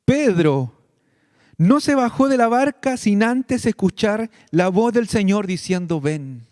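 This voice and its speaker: Man preaching a sermon, mellow voice, dry close sound, slow and earnest. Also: high-pitched, animated, no room sound. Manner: slow, earnest preaching addressing the congregation directly. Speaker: pastor.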